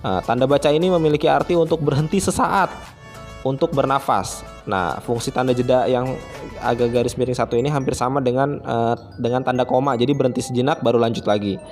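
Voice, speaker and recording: A man's voice: medium pitch, brisk, a little mellow, faint music behind. A man who is a primary school teacher, giving a friendly, chatty online lesson to children and often starting phrases with a filler.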